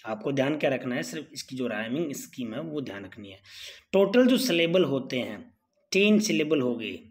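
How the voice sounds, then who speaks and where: A man leads an exam-prep lesson in a lively, animated voice. He keeps asking his students short questions and answers them himself, and his pitch sits in a middle range for a man. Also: normal speed. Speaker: teacher.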